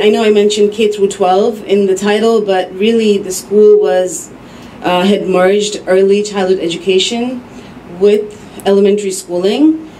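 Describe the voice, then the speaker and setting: A woman giving a measured, explanatory talk as a speaker at an academic roundtable. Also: mid-range voice, warm tone, a little hiss or hum, rough recording. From United States. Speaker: panel speaker.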